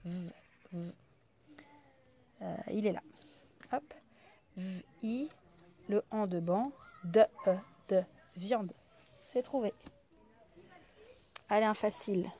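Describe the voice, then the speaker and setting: A woman teaching a reading game, sounding out each letter slowly one by one in a step-by-step demonstration. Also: medium pitch, mellow.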